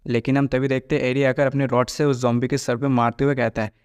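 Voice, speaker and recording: A man tells a story recap in a steady, even-toned narrating voice. His voice is smooth and clear, with little rise and fall in pitch. The sound is dry and close, with no room echo. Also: fast. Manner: flat, steady storytelling with quoted lines read plainly.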